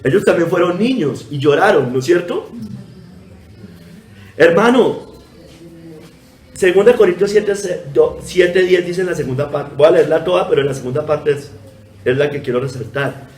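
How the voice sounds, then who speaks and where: A man's voice: fairly high pitch, moderate pace, pauses often, a little mellow, echoey room. A man preaching a sermon, emphatic and repetitive, often calling out to his congregation. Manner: emphatic preaching, repeatedly addressing the congregation as brothers. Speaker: pastor.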